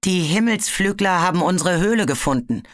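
Narrator doing a jittery young male dragon, stammering, high and tense, storybook voice. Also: animated, fairly quick, dry recording, studio quality, natural voice. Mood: nervous. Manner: stammering, hesitant. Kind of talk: audiobook character voice.

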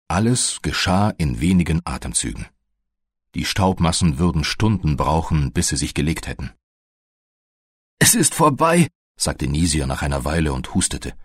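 Deep husky guy reading a story slow and careful, lots of rise and fall. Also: dry recording, studio quality. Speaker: narrator. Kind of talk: scripted audiobook narration.

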